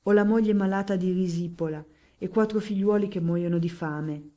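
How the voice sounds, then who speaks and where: A woman's voice: on the low side, normal speed, mellow, lo-fi sound, natural voice. A woman voicing a poor, desperate middle-aged male hatter who begs insistently for help. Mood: pleading. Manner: pleading, insistent.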